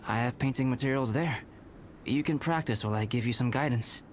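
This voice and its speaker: A man voicing a calm, composed young male alchemist and painter who explains things in a measured way, in a video game cutscene. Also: mid-range voice, very noisy, lightly acted. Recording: game cutscene with background music.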